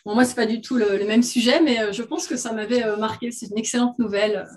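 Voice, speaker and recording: A woman reading her own short story aloud with expressive delivery, lifting her voice for the characters' lines, and chatting with frequent hesitations between readings. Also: fast. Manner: acts out dialogue with raised pitch and force; hesitant with many fillers when chatting. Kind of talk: expressive reading aloud of fiction, then casual chat.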